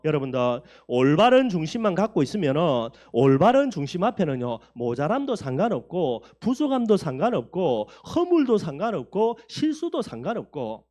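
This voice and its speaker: A man's voice: fairly high pitch, darkish tone. A man preaching as pastor, asking the congregation questions and answering them himself, and acting out the figures in the text. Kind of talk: sermon.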